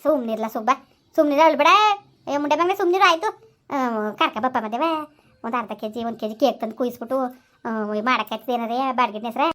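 A woman's voice: high-pitched, fast. A woman doing a scolding old village aunt. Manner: scolding, lecturing, sharp-tongued. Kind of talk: village comedy skit.

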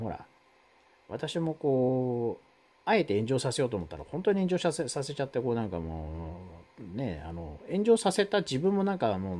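A man with a mellow, husky voice hosts a live stream, chatting casually with viewers and reading out their comments. He rambles, uses lots of fillers, and his pitch swings widely.

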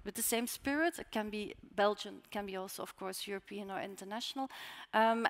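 A woman in her forties speaking on a conference panel, halting and searching for words, with a headset mic on stage. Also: medium pitch, gravelly. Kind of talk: conference talk. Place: conference stage in a large hall. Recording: long hall reverb.

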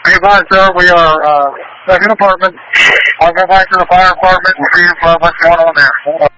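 A man's voice: high-pitched, steady tone, normal speed. A male firefighter reporting from the scene in urgent firefighter radio traffic, heard over a crackly two-way radio. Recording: crackly, noisy emergency radio channel.

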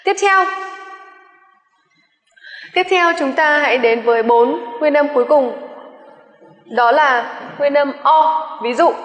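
High-voiced woman teaching slowly. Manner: slow, careful, repeats each example word twice; polite checking questions to students. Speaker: English teacher. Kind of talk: exam-prep pronunciation lecture. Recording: echoey room with long reverb.

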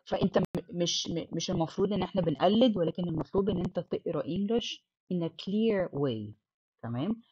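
A woman's voice: fairly low pitch, expressive, a little fast, warm tone, breathy edge, dry recording. Egyptian woman teacher, dry dull sound. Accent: Egyptian Arabic. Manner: mixes English words into Arabic explanation. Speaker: English teacher. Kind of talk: explaining a textbook lesson.

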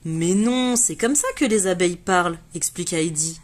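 A woman reading a children's storybook aloud, giving the characters bright, lively voices. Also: lowish voice, moderate pace. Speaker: reader of a children's book.

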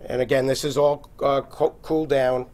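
A middle-aged man, a restaurant chef, explaining a cooking demonstration step by step in a relaxed way with many fillers. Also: mid-range voice, normal speed. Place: TV studio kitchen by a sizzling stove.

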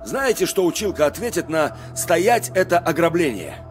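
A man's voice: a little high, sing-song, normal speed, faint music behind. A man playing an anxious but defiant family man held hostage, in dubbed game drama style. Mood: wry, defiant.

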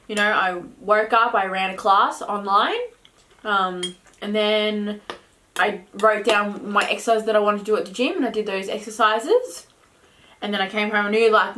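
A woman's voice: medium pitch, bright, forceful tone. A woman in her twenties chatting casually at a table as a guest. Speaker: guest, sister of host, fitness instructor. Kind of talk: casual chat. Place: small room indoors at a table. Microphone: camera a short distance away. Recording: background noise, clinking cutlery and bowls.

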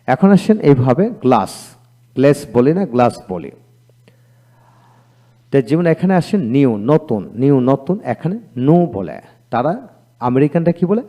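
Male teacher, warm and lively in pitch, lecture delivery with fillers. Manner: reads word pairs aloud, drawn-out and repetitive. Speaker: English teacher. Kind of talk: video lecture on pronunciation.

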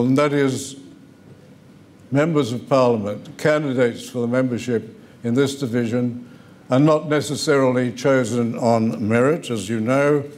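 An older man addresses a hall from a lectern in a mid-range voice. He speaks formally and emphatically, repeating key phrases to drive home his points. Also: mid-range voice. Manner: forceful, emphatic repetition. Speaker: convention speaker. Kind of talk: formal political speech. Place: conference hall on stage.

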